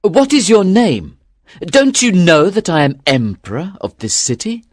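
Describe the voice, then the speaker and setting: In an audiobook reading, a man voices a frightened emperor who pleads anxiously and sounds alarmed. It's a full character voice pitched above his own, high with big swings and a little slow, recorded dry with clean studio sound.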